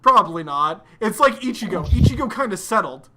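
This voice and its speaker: Woman co-host, profane animated ranting, noisy background hiss. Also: medium pitch, brisk. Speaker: anime discussion podcast co-host. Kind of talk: casual chat.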